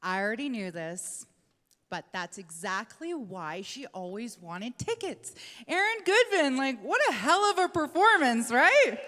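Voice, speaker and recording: A woman hosting a live awards gala, bringing presenters to the stage with upbeat excitement. Her voice sits a little high for a woman. It rings out through a large hall with long reverb. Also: unhurried. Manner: upbeat, hyping the crowd. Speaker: awards show host.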